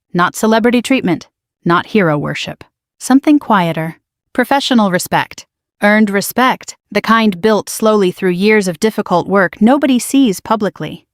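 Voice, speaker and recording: A woman narrating a first-person story in a measured, quietly dramatic manner. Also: mid-range voice, dry recording, clean studio sound.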